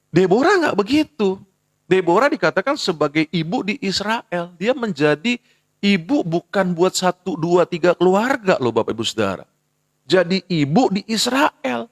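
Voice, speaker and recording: Animated gravelly-voiced male preacher. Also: sits high, dry recording, clean studio sound. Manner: animated preaching, acts out quoted mothers and children. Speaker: pastor. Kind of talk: sermon. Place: live social media broadcast.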